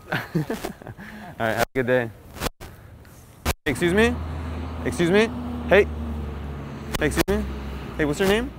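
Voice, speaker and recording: A man's voice: a little high, very animated, a little slow, pauses often, heavy background noise. A young man doing a casual, upbeat pickup-line prank vlog outdoors on a campus, chatty and laughing. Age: young adult. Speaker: prank vlogger.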